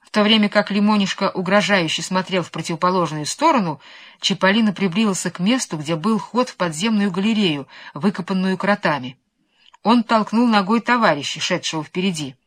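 A woman reading a children's story aloud in an expressive, animated, playful way. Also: mid-range voice, a little fast.

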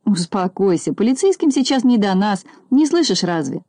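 A woman voicing a bold, quick-tempered small male mechanic in a storybook reading, with a brisk, scolding manner. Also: mid-range voice, very animated, dark tone, dry recording.

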